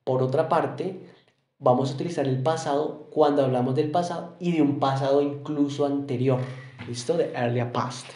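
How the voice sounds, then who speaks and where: A man's voice: mid-range voice, moderate pace, darkish tone, echoey room. A man with a Colombian Spanish accent teaching English in an online lesson, explaining patiently and often checking with questions.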